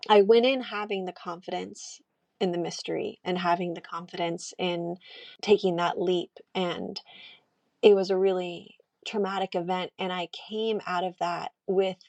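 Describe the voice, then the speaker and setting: A woman's voice: fairly low pitch, fairly even intonation, moderate pace, darkish tone, no room sound, dull audio. A woman host asking a long, thoughtful, searching question in an interview conversation. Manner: thoughtful, searching, with small restarts. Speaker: podcast host.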